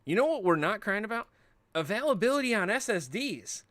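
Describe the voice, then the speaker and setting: A man's voice: sits high, big pitch swings, a little fast, fairly bright tone. A man hosting a livestream, chatting casually in rambling, joking rants. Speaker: livestream host.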